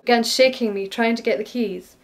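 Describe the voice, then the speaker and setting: Woman, ex care worker, reading her own story straight, slightly high voice. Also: brisk, a little hiss or hum. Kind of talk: first-person story reading.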